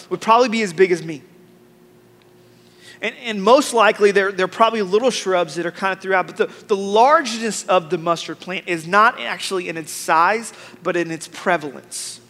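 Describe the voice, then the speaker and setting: A man's voice: high voice, moderate pace, a bit bright. A man preaching a sermon as a pastor, telling the story in a conversational way with humor and repeated phrases. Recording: long hall reverb.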